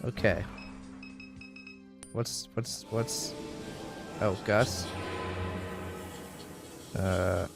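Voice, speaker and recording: A man playing a game and reading its text aloud in a casual, halting way. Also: lowish voice, fairly even intonation, gravelly. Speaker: gameplay video creator. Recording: faint game music behind.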